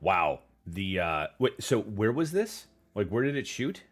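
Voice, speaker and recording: A man's voice: lowish voice, very animated, unhurried, faint music behind. A man hosting an interview, laid-back and casual, who swears easily and calls his guest "dude". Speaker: interview host.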